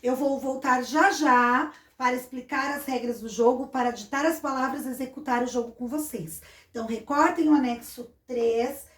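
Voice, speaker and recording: A woman's voice: sits high, fairly even intonation, normal speed, hardly any pauses. A woman with a Brazilian Portuguese accent teaching a recorded lesson, patiently explaining step by step and checking that students follow. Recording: echoey room.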